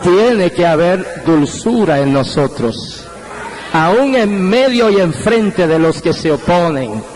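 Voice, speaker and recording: A man from Puerto Rico preaches with a very high voice and a slow, drawn-out delivery. He tells his testimony fervently and breaks into exclamations of praise. A faint hiss of ambience sits under the convention recording. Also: lively intonation, a little mellow, some chatter behind, poor audio. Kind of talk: sermon testimony. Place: convention hall.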